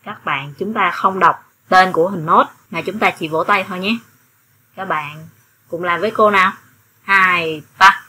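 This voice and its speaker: A woman music teacher with a Southern Vietnamese accent, giving an online lesson to children with slow, clear instructions and rhythmic counting. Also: on the low side, pushed and bright. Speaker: primary school music teacher.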